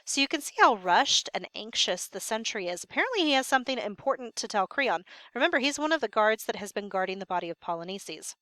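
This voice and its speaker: A woman's voice: medium pitch, sing-song, fast talker, few pauses, pushed and bright, no echo. A woman teacher explaining a play to her students while reading it aloud, in a patient, explanatory manner.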